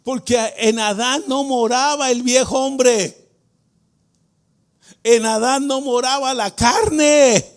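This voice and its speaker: A male pastor with a notably high voice preaches a sermon in a church at a slow, drawn-out pace. He throws questions to the congregation and swings from hushed explanation to loud, shouted emphasis. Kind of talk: Spanish-language sermon. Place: church sanctuary.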